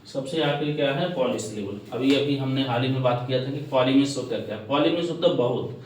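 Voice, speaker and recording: A man's voice: mid-range voice, a little fast, darkish tone, a little hiss or hum. A male English teacher lectures a class. He asks questions and answers them himself, repeating the key terms. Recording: very echoey classroom, mic at a distance.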